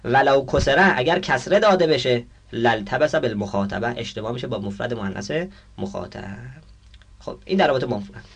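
A man's voice: medium pitch, creaky, a bit bright, husky. A man teaching a grammar lesson, reading out Arabic text and explaining it, often asking the class questions and answering them himself.

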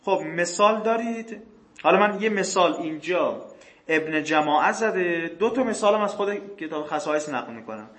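A man with a fairly high voice teaches a lecture, reading passages slowly and then explaining them faster. He poses questions to his listeners and answers them himself, clearing his throat now and then. The room rings with echo. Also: lively intonation, a bit bright. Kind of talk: classroom lecture on grammar texts.

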